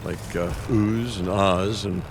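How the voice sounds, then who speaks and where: An actor playing a wry, sardonic scientist in a video game, with a gravelly voice and halting, dry delivery. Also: male voice, low-pitched, fairly even intonation. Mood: dry sarcasm. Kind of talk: video game character dialogue. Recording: clear engine and vehicle ambience noise.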